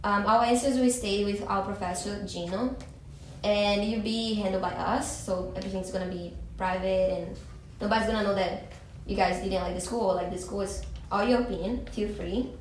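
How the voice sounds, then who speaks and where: A woman's voice: mid-range voice, fairly even intonation, normal speed. Young woman, student moderator, hesitant ums, echoey room, distant mic. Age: young adult. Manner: frequent ums, reassuring. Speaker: focus group moderator. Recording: echoey room from far off, background noise.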